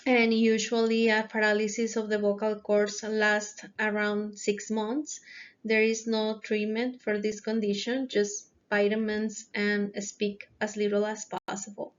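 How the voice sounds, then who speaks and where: A woman narrating a lesson over slides, explaining carefully and often pausing with hesitations. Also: mid-range voice, completely flat delivery. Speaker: presenter explaining phonetics. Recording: dull, lo-fi recording.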